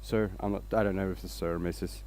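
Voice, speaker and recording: A man's voice: sits low, steady tone, quick pace, a little mellow. A man from Denmark, hosting a casual woodturning livestream, rambling along and greeting viewers by name.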